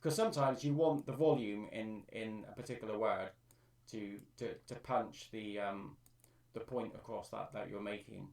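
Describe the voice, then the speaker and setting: A man's voice: lowish voice, normal speed, creaky, a little mellow, roomy sound, recorded from a distance. A man on a live stream, thinking aloud as he explains how he edits his own vocal track. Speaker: streamer and amateur music producer. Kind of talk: live-stream tutorial talk.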